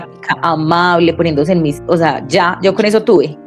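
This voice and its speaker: Faint music plays behind a woman whose voice sits lowish and moves a little fast. As a mother being interviewed, she recounts something from her own life in a lively way, voicing the people she quotes as she goes.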